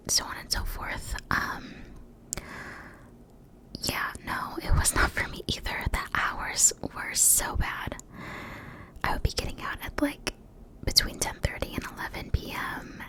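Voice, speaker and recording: A young American woman gives a rambling ASMR talk in a breathy whisper close to the mic, sometimes slowly repeating words. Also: low-quality recording. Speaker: ASMR creator. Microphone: close mic for cupped whispering.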